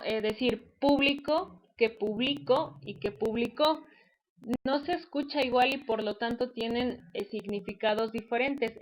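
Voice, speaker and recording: A woman's voice: a little high, poor audio. Patient woman teaching a class. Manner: patient explanatory tone with frequent "eh" fillers. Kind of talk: online class lecture.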